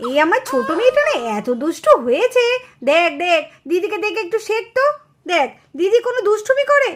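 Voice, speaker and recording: A woman voicing a busy, kind young mother in a Bengali puppet cartoon, talking in a hurried, motherly way. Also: extremely high pitch, sing-song, a little hiss or hum.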